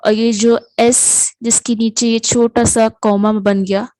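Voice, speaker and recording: A woman with a fairly high voice teaches letters one at a time, patiently repeating every sound. The voice-over is close and dry, with no room sound behind it. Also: flat delivery, warm tone, no echo, rough recording. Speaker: language teacher. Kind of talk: alphabet lesson, slow explanation.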